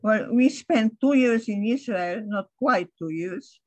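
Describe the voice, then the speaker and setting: An older Polish woman from Poland, for whom English is a second language, recalls her past in a conversational interview. Her slightly high voice is halting, often restarting and punctuated by light laughs. The sound is dry and close, with no room noise.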